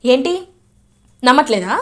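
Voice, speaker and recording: A woman's voice: fairly high pitch, lively intonation, unhurried. A woman voicing a scheming man who gloats and threatens while blackmailing someone. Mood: gloating.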